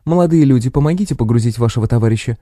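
A man's voice: medium pitch, racing, mellow, dry recording, studio quality, pitched above the performer's own voice, close to an everyday voice. A man doing a stern old lady paramedic. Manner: lecturing, curt, teacherly tone. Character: elderly stern female paramedic, dry and bossy.

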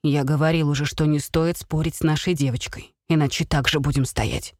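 A woman voicing a grave male warrior general, calm and formal. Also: low-pitched, fairly quick, no echo, studio quality.

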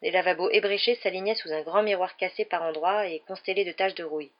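A woman's voice: lowish voice, dull audio. Woman reading a storybook aloud. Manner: measured, steady reading. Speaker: reader. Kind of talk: audiobook narration.

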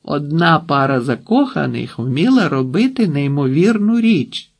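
A man reading an audiobook voices a lively, playful young woman who shouts her story over a loud roar. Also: a little high, a little slow, gravelly, full character voice. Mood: shouting a story.

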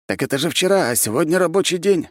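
A man's voice: medium pitch, lively intonation, a little slow, no echo, studio quality, pitched above the performer's own voice. A man voicing an eager, decent male colleague who speaks earnestly.

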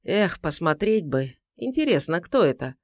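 A man's voice: fairly high pitch, sing-song, normal speed, no room sound, clean studio sound. A narrator playing a young male detective who jokes wryly and feels sorry for himself. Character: young joking male detective, self-pitying.

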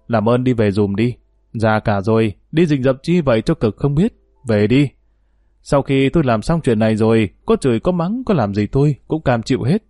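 A man voicing a sharp-tongued young widowed woman who speaks bluntly and indignantly. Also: mid-range voice, animated, brisk, few pauses, no room sound, studio quality, lightly acted. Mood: pleading.

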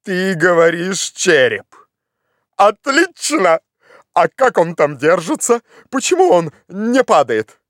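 A man voicing an excitable, obsessed gentleman in an audiobook, shouting eager orders. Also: sits high, unhurried, no echo, clean studio sound, voice pushed up. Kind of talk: audiobook character voice.

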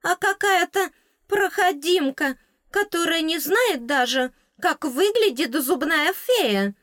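A woman voicing a tiny female tooth fairy with a squeaky, shrill voice and theatrical outrage. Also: animated, slow, fairly bright tone, no room sound, studio quality, heavily acted. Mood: scolding.

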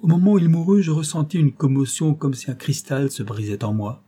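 A man's voice: lowish voice, fairly even intonation, a little fast, mellow, slightly rough. A man reading aloud, voicing a young noblewoman who speaks in a breathless, exalted rush. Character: young noblewoman, entranced, fervent.

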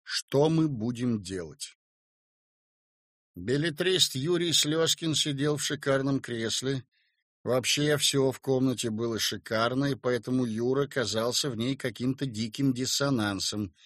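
A man reading a story aloud at a measured, steady pace. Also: medium pitch, no echo, clean studio sound. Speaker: narrator.

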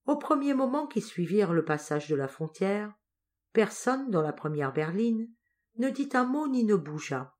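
Female audiobook narrator, measured and expressive, mid pitch. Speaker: audiobook reader.

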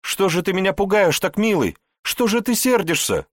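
A man's voice: very animated, measured pace, a bit bright, no room sound, studio quality. A man reading an audiobook, voicing a jealous young grand princess who pleads and scolds. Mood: pleading. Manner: pleading, then fiery and shrill.

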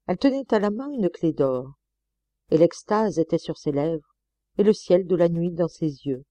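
A woman reading a novel aloud as an audiobook narrator, measured and expressive, on a close mic. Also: lowish voice, no room sound. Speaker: audiobook reader.

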